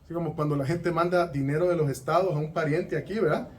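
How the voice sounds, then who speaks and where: A male pastor with a Honduran Spanish accent preaching an animated, emphatic sermon with touches of humor. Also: on the high side, fast talker, far from the mic.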